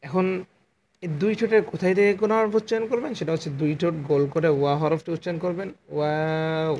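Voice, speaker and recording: A man teaching Quran letter articulation in an online class, explaining slowly and repeating each letter sound for his students. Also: high voice, darkish tone, muffled recording. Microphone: phone.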